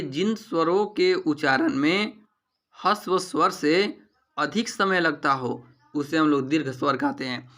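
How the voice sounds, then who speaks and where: A man's voice: a little high, pushed and bright. A man teaching an exam-prep grammar lesson, repeating each point back to students as a question.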